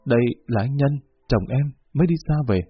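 A man's voice: medium pitch, animated, a little fast, breathy edge, no echo, faint music behind. A man reading as a faint, pleading young woman. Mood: appeasing. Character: weak desperate young woman, addicted. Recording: dull lo-fi recording.

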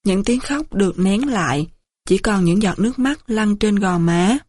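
A woman narrating an audiobook of a war story in a measured, somber manner. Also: mid-range voice, animated.

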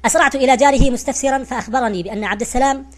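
A woman's voice: high-pitched, very fast. A woman giving a scripted narration in a formal, literary reading style.

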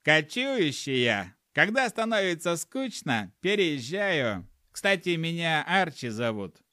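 A man's voice: fairly high pitch, big pitch swings, slow pace, sharp tone, no echo, studio quality, exaggerated voice. A man voicing a foul-mouthed, hot-tempered male gnome who grumbles and swears constantly in an audiobook. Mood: grumbling. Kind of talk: audiobook character voice.

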